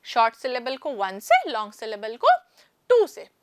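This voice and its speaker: A woman's voice: a little high, wildly swooping pitch, unhurried, clear, resonant tone, no room sound. A woman teaching a maths lesson step by step, asking questions and answering them herself. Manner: explains step by step, calls listeners "children"; asks and answers her own questions. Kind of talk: online class lesson.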